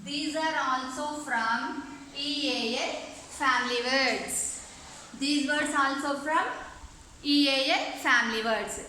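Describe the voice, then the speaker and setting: A woman's voice: sits high, very slow, pushed and bright, heavy reverb, a little hiss or hum. A woman English teacher giving an online lesson, spelling words letter by letter and explaining them patiently, often checking whether the class has understood. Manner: mixes English words into her teaching, asks the class questions.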